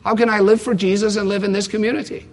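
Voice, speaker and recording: A man's voice: sits high, little pitch movement, fast talker. A man preaching an expository sermon, emphatic, repeating key lines and asking rhetorical questions. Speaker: pastor. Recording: long reverb from a large hall.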